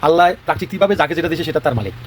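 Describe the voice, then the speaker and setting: Rapid-fire impassioned man with a Comilla accent. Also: on the high side, animated, slight background noise. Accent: Comilla Bengali. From Bangladesh. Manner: rhetorical, combative, asks and answers his own questions. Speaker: regional advocate. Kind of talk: impassioned monologue.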